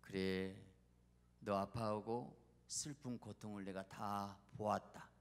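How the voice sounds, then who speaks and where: A man voicing God as a tender fatherly figure who speaks softly and slowly to comfort a hurting believer. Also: lowish voice, fairly even intonation, smooth, pitched below the performer's own voice. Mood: consoling. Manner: soft, slow and consoling. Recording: long church-hall reverb.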